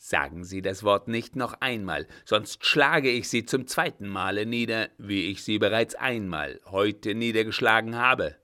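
A man voicing a scornful old captain who mocks and threatens a woman, loud and harsh. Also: fairly low pitch, measured pace, hardly any pauses. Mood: threatening.

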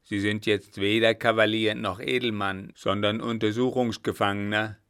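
A man's voice: on the low side, level tone, moderate pace, fairly bright tone, clean tone, no echo, clean studio sound. A man reading aloud, voicing a cold-blooded, unyielding army captain interrogating a prisoner. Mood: cold firm.

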